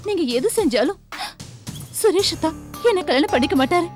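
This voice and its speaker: Brief: a weepy young daughter, very high voice, music under. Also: female voice, expressive, a little fast. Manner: tearful and pleading. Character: tearful young daughter, lovesick. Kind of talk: TV serial acting.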